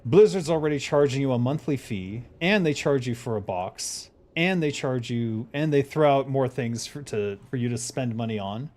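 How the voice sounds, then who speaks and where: A man's voice: medium pitch, lively intonation, moderate pace, hardly any pauses, a little mellow. A man on a livestream, talking over a headset mic while he plays a game, muttering to himself and thanking viewers. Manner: mutters to himself while playing, then speeds up to argue a point. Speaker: streamer. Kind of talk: casual gameplay livestream chat.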